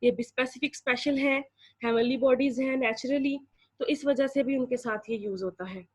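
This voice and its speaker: A woman's voice: high voice, moderate pace, husky. A young woman with a Pakistani accent teaching an English lesson, explaining word by word and switching between Urdu and English. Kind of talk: classroom lecture.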